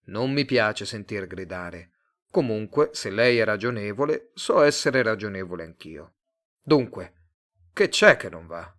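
A man reading a story aloud, voicing a cold, bland male agency director who speaks calmly and condescendingly. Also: a little slow. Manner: calm, low, coolly condescending.

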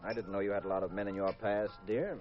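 An actor playing a teasing, skeptical detective husband in an old radio drama. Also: male voice, fairly low pitch, steady tone, quick pace, lightly acted. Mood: jealous, mocking. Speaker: lead actor. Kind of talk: 1950s radio drama acting. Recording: muffled old radio recording with music.

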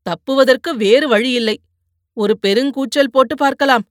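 A woman reading a novel aloud as an audiobook narrator, steady and expressive. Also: high-pitched, moderate pace, no echo, clean studio sound. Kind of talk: scripted storybook narration.

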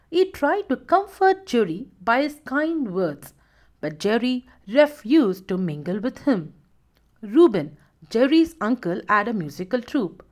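A woman hosting a children's story show, narrating in an expressive, sing-song way. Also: fairly high pitch. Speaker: storytelling host.

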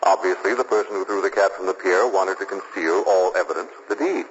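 An actor plays a suave, commanding gentleman detective in a vintage radio drama. His lowish voice is measured and urbane, on a dull recording with clear noise. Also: lightly acted. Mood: composed, intrigued. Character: composed, commanding male amateur sleuth, suave gentleman. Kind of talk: 1940s radio acting.

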